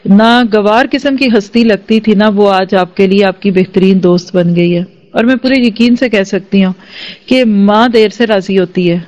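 A woman's voice: medium pitch, darkish tone. A woman teaching a religious lesson to a class, earnest and persuasive, making her points through everyday family examples. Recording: slightly dull lo-fi recording.

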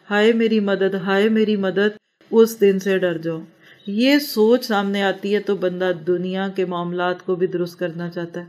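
An earnest woman giving a Quran lesson, her voice sitting at an ordinary middle pitch. She recites the verses slowly, then explains them, asking rhetorical questions as she goes. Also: a little mellow. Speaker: Quran teacher. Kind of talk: Quranic commentary lecture.

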